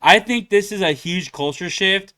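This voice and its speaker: A man's voice: high voice, normal speed, sharp tone. A young man hosting a reaction channel, rambling casually with many fillers and laughs. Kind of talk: casual commentary.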